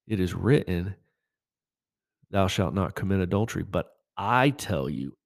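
Deep-voiced man preaching on a podcast. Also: gravelly, darkish tone, dry recording, studio quality. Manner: emphatic, quoting scripture in a slow measured voice. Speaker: podcast host teaching on scripture. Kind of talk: preaching-style podcast talk.

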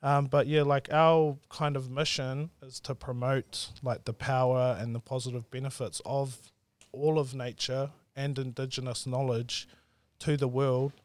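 A man's voice: medium pitch, dry recording. A man in his twenties from South Auckland with a Māori New Zealand English accent, chatting in a laid-back, earnest way as an interview guest. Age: 20s. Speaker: podcast guest, entrepreneur. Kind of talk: casual interview chat.

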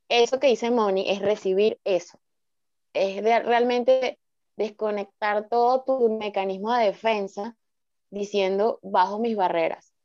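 A woman, a therapist on a podcast, calmly explaining ideas and acting out inner thoughts in quotes. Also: medium pitch, no room sound. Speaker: therapist guest. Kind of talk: calm explanatory podcast talk. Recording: dull lo-fi dry sound.

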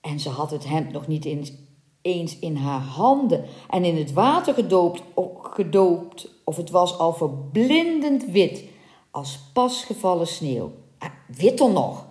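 A woman reading a folk tale aloud as a podcast host, with lively, playful storytelling and small slips. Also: lowish voice, a little slow, roomy sound.

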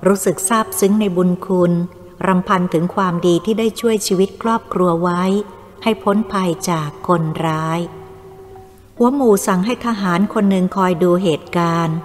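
A woman reading a story aloud in an even, measured storytelling manner. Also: fairly low pitch. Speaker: audiobook narrator. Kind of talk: scripted story narration. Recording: long reverb with faint music.

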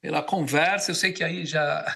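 A man hosts a casual podcast in a friendly, enthusiastic way. His voice has a gravelly edge and a bright, forceful tone, and sits a little above average pitch. He speaks over a remote call from his home. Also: fairly even intonation, normal speed. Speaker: podcast host. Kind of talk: casual chat.

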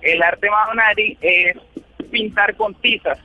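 A Venezuelan man calling a radio show, speaking haltingly with many fillers. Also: sits high, fairly even intonation, faint music behind. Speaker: caller. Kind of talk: radio call-in chat. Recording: dull phone-line call.

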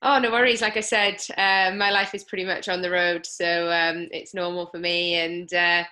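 A woman's voice: on the low side, level tone, normal speed, bright, forceful tone. A woman from Swansea with a South Wales accent, talking casually as a guest in an interview. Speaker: podcast guest, elite triathlete.

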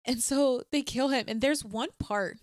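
A woman co-hosting a podcast in casual chat, chatty and quick to laugh, acting out quotes as she talks. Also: sits high, no room sound, studio quality. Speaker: podcast co-host.

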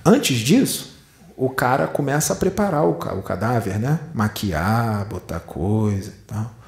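Spiritual teacher, Brazilian-accented man, mid-pitched, dramatic and direct storytelling, roomy echo. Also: expressive, a little slow, creaky, darkish tone. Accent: Brazilian Portuguese.

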